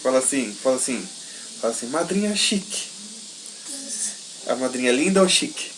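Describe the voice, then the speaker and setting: A woman's voice: very deep voice, expressive, normal speed, slight background noise, poor audio. A woman coaxing a small child in playful sing-song baby talk while filming a home video on a phone. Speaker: caregiver filming a toddler.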